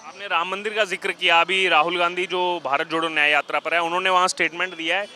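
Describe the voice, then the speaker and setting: Male street reporter, high and very bright voice, pressing questions, out on the street. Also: level tone, fast talker, slight background noise. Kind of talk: street survey interview. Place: city street with traffic.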